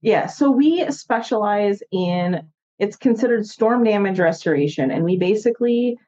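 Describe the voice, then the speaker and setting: A chatty construction company owner in her thirties, speaking with a Minnesota accent, tells her story as a guest in a casual interview. Her mid-range voice is expressive, mellow and moderately paced, with the highs cut off, and she laughs often and drops plenty of "like" fillers.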